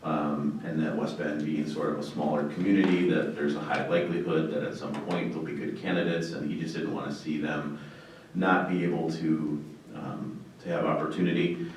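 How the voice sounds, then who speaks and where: An American board member, a man with a very deep voice, gives his view in a measured, hesitant way. His pitch stays flat. The room is heavily echoey and the mic is distant. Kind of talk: meeting discussion. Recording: echoey room, far mic, faint noise.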